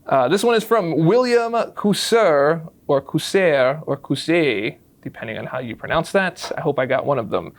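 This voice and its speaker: Guy reading out community questions, kinda high voice, lots of ums, laid back chat. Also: sing-song, fast, few pauses. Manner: reads viewer questions, chatty with fillers. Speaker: interviewer, community content host. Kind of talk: casual interview.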